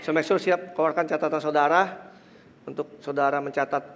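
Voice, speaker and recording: This pastor's voice is a little high and brisk, with fairly even intonation, resonating with a big-room sound in a large church hall. Speaking with an Indonesian accent and a congested, nasal tone, he preaches emphatically, murmurs prayers softly, and sprinkles in English phrases.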